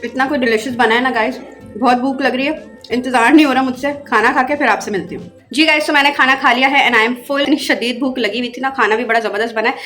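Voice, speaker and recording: A young woman from Pakistan chatting casually to her viewers in a vlog, lively and talkative. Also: a little high, fast talker, faint music behind. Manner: chatty, animated, addresses viewers as guys. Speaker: vlogger.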